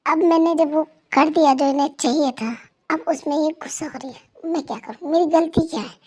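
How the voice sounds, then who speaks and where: A fairly high, whiny young husband, voiced by a woman in a fan story role-play. He complains like a sulky child and sounds a little lower than the women in the story. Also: brisk, darkish tone.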